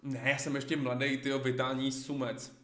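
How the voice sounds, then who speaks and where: A man's voice: mid-range voice, very noisy. A man hosting a casual video chat, joking and teasing. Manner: jokey, teasing, lively. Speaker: host. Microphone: video call.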